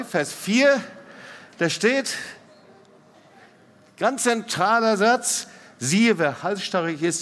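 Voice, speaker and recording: Animated German pastor in reverberant hall. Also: male voice, on the high side. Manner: animated preaching with sharp rises and soft drops; asks the congregation direct questions. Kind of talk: sermon. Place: church hall. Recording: long church hall reverb.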